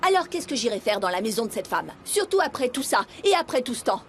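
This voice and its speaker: A woman's voice: fairly high pitch, very animated, quick pace, slight background noise. A woman dubbing a bitter, vengeful middle-aged daughter in a TV drama, speaking intensely and accusingly. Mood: stern. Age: 40s. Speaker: dub actress. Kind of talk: French dub of a TV drama.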